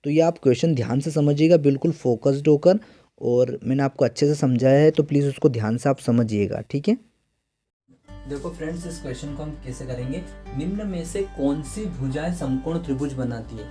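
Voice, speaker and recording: A man with a mid-range, dark-toned voice teaches math for exam prep at a brisk pace. He fires questions at his students, answers them himself, and repeats key terms repeatedly. The recording has an echoey room sound and guitar music in the background.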